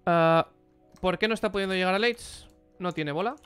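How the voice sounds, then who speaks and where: His voice sits high and is fairly bright and smooth, at a normal speed, with soft music in the background. He's a young Spaniard with a Spanish accent, streaming blunt, informal commentary on a player's matches over a headset and answering questions from chat.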